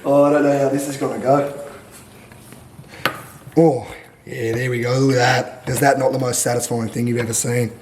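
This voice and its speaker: A man's voice: medium pitch, level tone, moderate pace, pauses often, background noise. An Australian man running a mock cooking show in his home kitchen, cocky and lecturing the viewer, with lots of swearing. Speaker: home cook vlogger. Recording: echoey kitchen.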